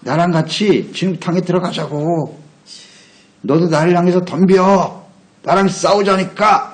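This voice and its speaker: A man voicing a taunting male devil who goads and provokes with jeering, drawn-out phrases. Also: high voice, voice pushed up. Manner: jeering, provoking, slow and emphatic.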